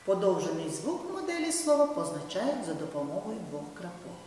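A woman teaching a video lesson to first graders, talking slowly in a sing-song way and speaking directly to the children. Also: mid-range voice, very animated. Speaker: primary school teacher. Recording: roomy hall, far mic, soft music.

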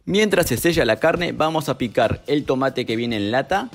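A young man, calmly narrating a cooking recipe step by step as a voice-over, with music behind him. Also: mid-range voice, moderate pace, creaky. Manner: calm step-by-step instructions. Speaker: cooking channel host.

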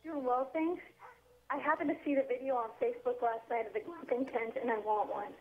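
A woman's voice: on the high side, steady tone, a little fast. A woman interviewing two guests, asking questions in a bubbly, enthusiastic way. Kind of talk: interview hosting. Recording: tinny phone line with faint noise.

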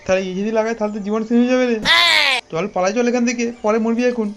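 A man's voice: very high-pitched, fairly even intonation, racing, a little mellow, dull audio. A man voicing a coarse, scolding older-brother figure in a cartoon comedy. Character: bossy, crude older-brother type man.

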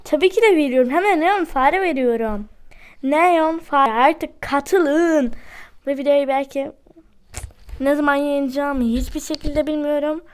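A woman giving chatty, excitable commentary to her viewers while she plays a game at home. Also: sits high, a little slow. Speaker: gaming YouTuber. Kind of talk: casual gameplay commentary.

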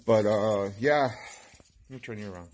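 A barbershop owner in his fifties with a Southern California accent vlogs casually from his small shop, holding his phone at arm's length. He rambles, repeats words and calls his viewers "guys," speaking in a lowish, slightly mellow voice at a normal speed.

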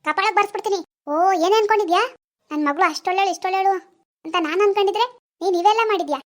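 A woman acts out a fierce village mother from in a homemade village drama. Her voice is high and shrill and she scolds at a rapid clip. She is proud and will not back down. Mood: furious. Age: middle-aged. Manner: fast, loud and scolding. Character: strict proud village mother, quick-tempered.

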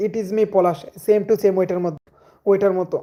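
Hoarse young man, mellow live chat. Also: high-pitched, fairly even intonation, moderate pace. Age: young adult. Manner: chatty, greets commenters by name. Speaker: live streamer. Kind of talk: casual live-stream chat with viewers.

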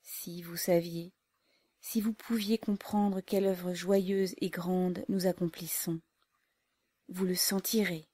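A woman's voice: fairly low pitch, slow pace, pauses often, warm tone, no echo. A woman reading the part of an ardent, idealistic young woman in a storybook, speaking earnestly and from the heart. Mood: fervent.

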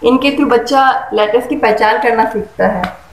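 A woman explaining step by step how to teach young children at home, sounding out letters slowly and clearly. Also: a little high. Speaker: home teaching guide for mothers. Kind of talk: friendly how-to lesson for parents. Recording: echoey room.

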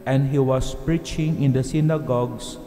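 A Filipino man serving as priest, reading the gospel and preaching at Mass in a slow, measured way, with a long church reverb around his voice. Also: medium pitch, fairly even intonation, dark tone. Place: large church. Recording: long church reverb, faint background hiss.

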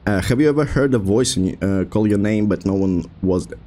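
A man in his thirties doing casual horror game commentary, reading prompts aloud and joking flippantly in halting phrases. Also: on the low side, mellow. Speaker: streamer playing a horror game.

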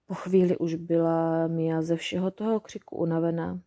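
A woman reading a children's fairy tale aloud from a book, in a gentle, unhurried bedtime manner. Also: low voice, little pitch movement. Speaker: storybook reader.

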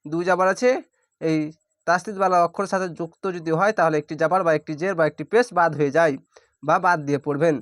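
A man teaching Quran reading, spelling out each syllable plainly and drawing out the recited words slowly. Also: high-pitched, no echo, studio quality.

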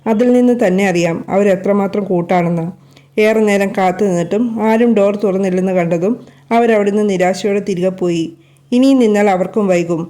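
Mellow-voiced woman storyteller. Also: medium pitch, fairly quick. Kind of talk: scripted storybook narration.

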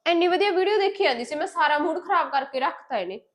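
A high, quick voice belongs to a defiant young wife who shirks every chore and snaps back at everyone, played by a woman. The speech comes fast and pointed, with a bickering tone in a homespun family drama. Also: expressive. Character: lazy, sharp-tongued young wife. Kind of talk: village family drama acting.

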